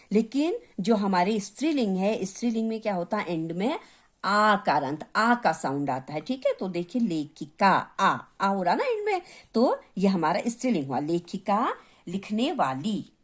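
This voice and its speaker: Slow, patient woman teacher. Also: medium pitch, very animated. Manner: slow and patient, repeats each word with its meaning. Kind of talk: revision lesson for young students.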